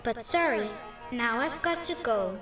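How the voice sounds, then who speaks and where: A woman voicing the friendly male ghost of an old instrument builder, speaking gently and reassuringly in an audio-guide story. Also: fairly high pitch, expressive, measured pace. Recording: echoey, distant, over loud music.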